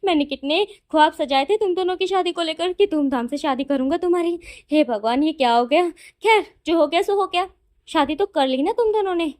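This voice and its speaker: A woman's voice: very high voice, fairly quick, a little mellow. A woman voicing a stern older uncle who lectures and scolds in mock anger. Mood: mock-angry. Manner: lecturing, exasperated.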